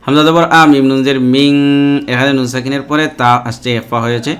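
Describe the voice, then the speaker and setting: Man spelling out Quran letters slowly. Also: medium pitch, steady tone, soft background music. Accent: Bangladeshi Bengali. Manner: slow, measured letter-by-letter spelling with short rule explanations. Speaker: Quran reading teacher. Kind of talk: spelling out Quran recitation lesson.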